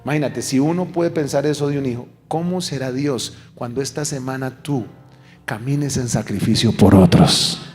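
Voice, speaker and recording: A middle-aged man preaching a sermon as pastor, emphatic and animated, leading call-and-response. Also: medium pitch, moderate pace, faint music behind. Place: church service.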